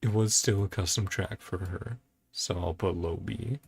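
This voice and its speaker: Over music, the host of a reaction and ranking video muses aloud in short broken phrases, casual and unscripted. His voice is low, steady and slightly rough, creaky, at normal speed.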